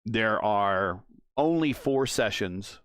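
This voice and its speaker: A man's voice: fairly low pitch, lively intonation, takes it slowly, fairly bright tone, clear, resonant tone, no echo, clean studio sound. A man co-hosting a sim racing broadcast, chatting casually and explaining things in a laid-back way. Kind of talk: casual podcast chat.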